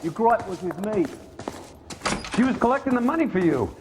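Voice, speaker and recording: Washed up british boxer guy in a crime game, bitter n proud, high voice, big echo. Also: big pitch swings, normal speed. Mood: bitter, accusing. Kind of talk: dramatic crime game acting. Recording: echoey hall with faint noise.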